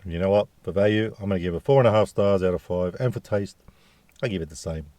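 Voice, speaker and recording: A deep, mellow-voiced man talks fast in an Australian accent, chatting casually to viewers as a food review vlogger. He's jokey and packed with slang.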